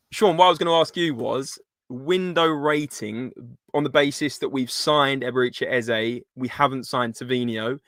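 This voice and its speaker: A man's voice: medium pitch, a bit bright, no room sound. Man, dry close sound. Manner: informal, matey slang. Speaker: live stream host. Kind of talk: casual live football fan chat.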